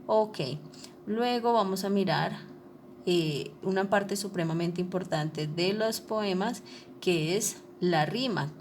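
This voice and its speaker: A woman's voice: medium pitch, slow, a little mellow, slight background noise. A woman teacher explaining a lesson over slides, patient and repetitive, checking often that her listeners follow. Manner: patient, repeats ¿listo? and ¿cierto? to check understanding.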